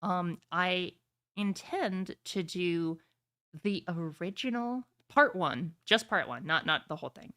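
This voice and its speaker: Her voice fairly low, bright and forceful, a woman game master takes her time with lively intonation while ending an online tabletop session. The talk is casual and informal, aimed at her players and stream viewers, with occasional swearing.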